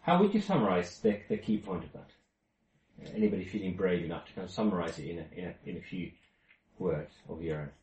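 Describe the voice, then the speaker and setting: A man's voice: deep voice, lively intonation, fast talker, darkish tone, muffled recording. A man from Finland leading an informal Bible study, explaining with many restarts and fillers. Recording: roomy, distant from mic.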